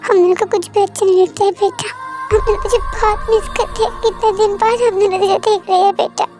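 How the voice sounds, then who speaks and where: A fretful, tearful father doting on his daughter, read by a woman in a homemade audio drama. The voice sits extremely high, with faint music beneath. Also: steady tone, brisk. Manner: fretful, emotional. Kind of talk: amateur fan audio drama.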